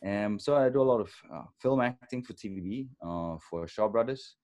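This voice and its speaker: A man from Germany in his thirties, a native German speaker giving a thoughtful, halting interview with many fillers over a video call. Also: fairly low pitch, animated, darkish tone, faint music behind. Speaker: actor guest.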